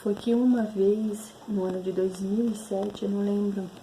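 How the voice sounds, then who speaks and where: Woman with a very dark, mellow voice. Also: medium pitch, flat delivery, normal speed, slight background noise, low-quality recording. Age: 30s. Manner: rambling, self-correcting, re-enacts inner voices. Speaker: spiritual channel host. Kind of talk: casual personal storytelling.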